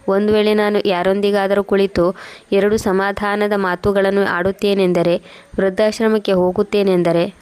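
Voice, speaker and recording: Storybook read-through: hurt elderly mother, gentle, pleading, voiced by a woman narrator, kept flat and even. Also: mid-range voice, clean tone, lightly acted.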